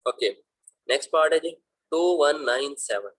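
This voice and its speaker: A man's voice: fairly high pitch, lively intonation, normal speed, fairly bright tone, rough recording. A man teaching school math in a patient, fatherly way, walking students through each problem step by step. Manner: patient, addresses students fondly as beta. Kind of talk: explaining math problems over slides.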